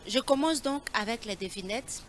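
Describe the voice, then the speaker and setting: A woman leading a children's Bible riddle quiz, reading each clue slowly and repeating it in a coaxing way. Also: fairly high pitch, a little hiss or hum.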